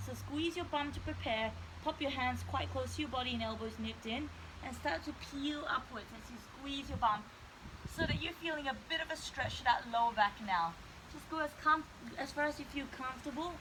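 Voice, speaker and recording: High-pitched woman coaching stretches, noisy background. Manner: explanatory, step-by-step coaching. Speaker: stretch class instructor. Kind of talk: guided stretching workout instruction.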